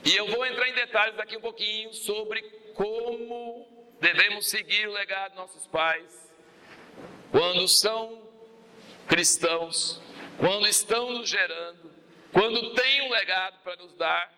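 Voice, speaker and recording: A male pastor with a Brazilian Portuguese accent preaches a sermon. His voice sits high and has a sharp, very bright edge. He repeats key phrases and puts questions to the congregation. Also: a little slow.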